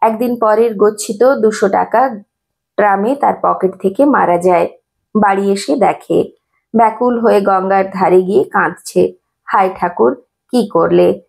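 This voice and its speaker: A woman narrating a devotional memoir in a steady, reverent storytelling manner. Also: mid-range voice, measured pace, gravelly, slightly rough.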